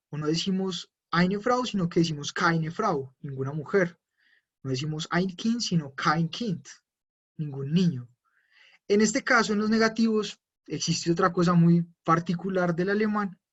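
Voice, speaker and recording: A man with a fairly high, husky voice teaches a live online language lesson. He explains each point patiently and takes viewers' questions as they come in. The sound is dull and lo-fi, as from a computer mic. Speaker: German teacher.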